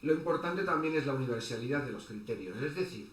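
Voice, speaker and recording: A man giving an online lecture as a teacher, halting, with many fillers and restarts. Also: mid-range voice, expressive. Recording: echoey room with faint background noise.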